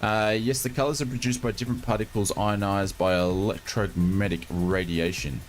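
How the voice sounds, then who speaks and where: A man's voice: on the low side, fairly even intonation, moderate pace, a little hiss or hum. A man with a broad Australian accent chatting casually and matily to viewers as a livestream host, informal and given to exclamations. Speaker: live streamer, host.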